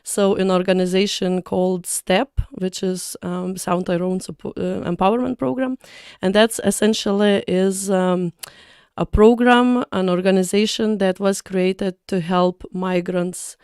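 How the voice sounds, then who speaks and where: A woman from Lithuania speaks English as a second language, working through her thoughts with occasional fillers. Her voice is smooth and clear, with little rise and fall in pitch. The sound is dry and close, with no room echo. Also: steady tone, unhurried, a little mellow. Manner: careful, searching for words with fillers. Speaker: podcast guest. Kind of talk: casual interview talk.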